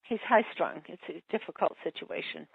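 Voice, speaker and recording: A woman's voice: lowish voice, normal speed, creaky, husky, no echo. Giggly older woman calling in by phone. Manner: excited, giggly, rambling. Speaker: caller. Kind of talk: call-in radio chat. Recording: muffled phone line, dry.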